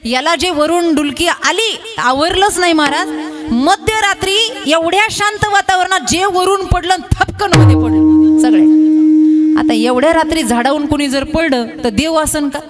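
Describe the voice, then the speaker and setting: High-voiced woman telling a devotional folk tale. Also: moderate pace, faint music behind. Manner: folksy, lively storytelling with humorous asides. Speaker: kirtan preacher. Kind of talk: devotional storytelling sermon.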